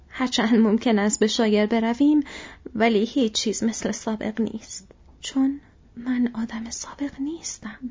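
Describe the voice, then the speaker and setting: A weary wounded hobbit, speaking in a soft breathy hush, read by a woman. The voice is husky and a little raised in pitch, heard through a dull lo-fi recording. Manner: hushed, breathy, sorrowful.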